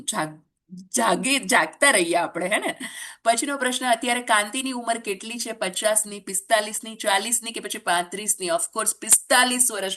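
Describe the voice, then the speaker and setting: A woman's voice: a little high, fairly bright tone. A woman teacher, running a chatty, joking exam revision lesson full of rhetorical questions.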